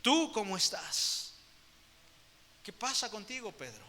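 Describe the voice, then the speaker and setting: A man voicing a gentle, compassionate Jesus, asking soft, slow, caring questions. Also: high voice, big pitch swings, in a large hall, a crowd in the background, heavily acted. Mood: tender.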